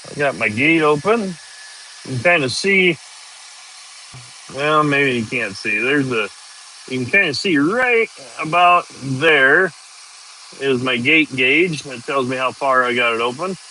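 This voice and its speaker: A man's voice: medium pitch, animated, measured pace, pushed and bright, slight background noise, poor audio. A man, chatting casually and rambling on a live stream from a tractor cab, laughing easily. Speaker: farm worker livestreaming.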